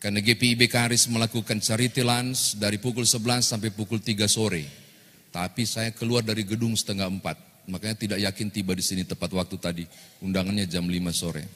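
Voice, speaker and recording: A male pastor, giving a lively sermon and joking with the congregation. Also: fairly low pitch, fairly quick. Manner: lively storytelling, jokes with congregation. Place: church hall. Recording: long church-hall reverb.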